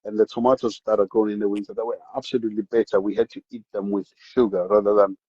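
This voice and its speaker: A South African man talks at a quick pace in a low, breathy-edged voice; the audio has no echo and its highs are cut off. Guesting on a podcast, he chats casually about his upbringing as an animated storyteller who repeats words and restarts a lot.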